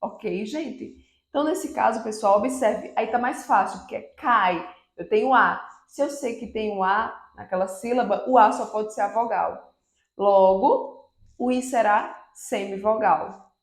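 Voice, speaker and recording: A woman teaching an online grammar lesson, lively, stressing example syllables and checking in with the class. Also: on the high side, echoey room.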